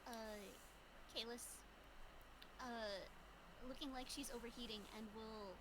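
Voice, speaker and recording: A woman's voice: a little high, fairly even intonation, a little slow, noisy background. A woman playing a tabletop game, describing her moves hesitantly. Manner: hesitant, many fillers when describing actions. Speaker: player. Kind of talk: tabletop role-play.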